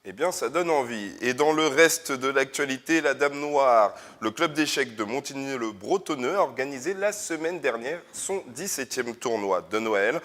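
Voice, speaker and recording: A man presenting and narrating local television news reports in a measured, scripted way. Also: medium pitch, expressive, a bit bright.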